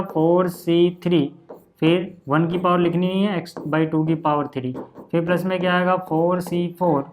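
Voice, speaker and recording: A man teaching maths at a board, chatty and explaining step by step, often asking if the class follows. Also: high voice. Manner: chatty, asks check-in questions.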